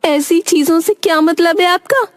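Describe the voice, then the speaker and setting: A woman's voice: extremely high pitch, normal speed. A woman voicing a scolding village wife. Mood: exasperated. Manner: scolding, exasperated. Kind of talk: cartoon voice acting. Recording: music behind voice.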